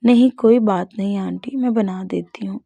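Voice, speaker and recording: A woman voicing a timid, gentle young woman who speaks meekly, as part of a story reading. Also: mid-range voice, gravelly, breathy edge, no room sound, highs cut off.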